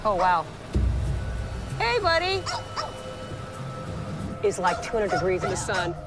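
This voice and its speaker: A middle-aged woman who runs an animal rescue shelter speaks slowly in a sing-song, mid-range voice on a lapel mic. Filming a reality TV show in open fields and lots, she talks directly and plainly with casual fillers over background music, in both interview and on-location segments.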